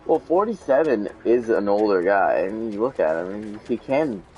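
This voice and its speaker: A man's voice: lowish voice, very animated, moderate pace, muffled recording, soft background music. Young man rambling over a game. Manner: swears a lot, rambling and laughing. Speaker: gamer. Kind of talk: casual let's-play chat.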